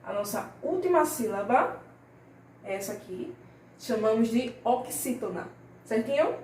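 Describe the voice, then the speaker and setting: Her voice is slightly high, patient and a little mellow, with lively intonation, as this primary school teacher leads a recorded remote lesson for young children. She lingers slowly on example words and checks in often, and the roomy sound comes from far off the mic with a faint hiss below.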